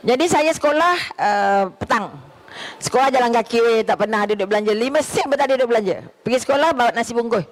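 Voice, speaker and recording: A man with a Malaysian Malay accent giving a lively religious talk on parenting, asking rhetorical questions and laughing often. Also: very high-pitched, fast talker.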